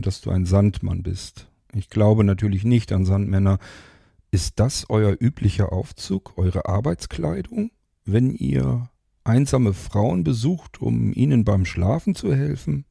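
A man's voice: lowish voice, animated, a little slow, creaky, mellow, slightly rough, dry recording, clean studio sound, voice pushed up, exaggerated voice. A man voicing a shy, easily flustered young woman, speaking in a raised, questioning way. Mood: teasing.

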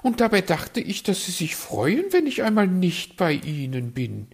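A man doing a shrill, vain magpie lady. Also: big pitch swings, a little slow, husky, exaggerated voice. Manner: shrill, indignant, fishing for compliments. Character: vain, fussy female magpie, chatty and touchy.

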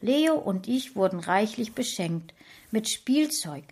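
A woman narrating a children's story in the first person of a dog, in a gentle storytelling manner. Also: mid-range voice, lively intonation, takes it slowly, breathy edge. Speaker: audiobook narrator.

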